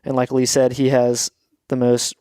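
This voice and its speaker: A man's voice: medium pitch, completely flat delivery, moderate pace, mellow, clean tone, no echo, studio quality. A man from Atlanta co-hosting a podcast in easygoing, rambling casual chat. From Atlanta, USA. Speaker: podcast co-host.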